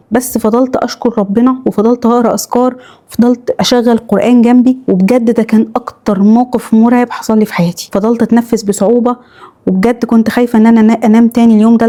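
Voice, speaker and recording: A woman with an Egyptian accent narrating horror stories in a quick first-person retelling. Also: fairly high pitch, warm tone. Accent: Egyptian Arabic. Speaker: storyteller reading followers' horror stories.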